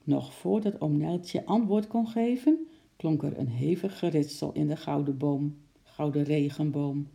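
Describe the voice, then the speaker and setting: A woman reads a children's story aloud in a steady, even storytelling voice. Her voice sits low with a gravelly texture. The tone is very dark and mellow. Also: a little slow.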